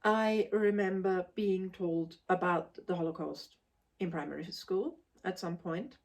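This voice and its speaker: A woman's voice: fairly low pitch, a little slow, darkish tone. A woman in her forties from Austria, giving a casual spoken book review in an emphatic, articulate, forthright way.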